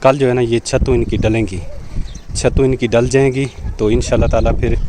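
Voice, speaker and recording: A man with a Pakistani accent narrates his village vlog from a rooftop in a mid-range voice, pointing things out and wishing blessings. The outdoor phone recording is noisy, with animals and vehicles in the background. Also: mid-range voice. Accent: Pakistani Urdu. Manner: pious, sprinkles blessings, guides viewers. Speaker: vlogger.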